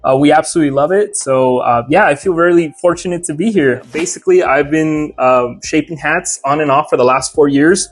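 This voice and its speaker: A man's voice: fairly high pitch, brisk, hardly any pauses, faint music behind. A young man who owns a hat shop, talking casually in an interview and explaining his craft step by step with lots of "uh"s. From Mexico. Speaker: hat maker and shop owner.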